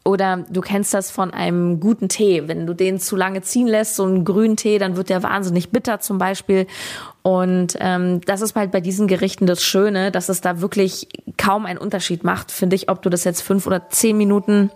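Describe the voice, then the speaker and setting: A woman's voice: mid-range voice, level tone, moderate pace, a little mellow. Young woman host, loose and chatty, talks a recipe through off the cuff. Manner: chatty, rambling, with frequent fillers and laughs. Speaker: podcast host. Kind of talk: casual recipe explanation.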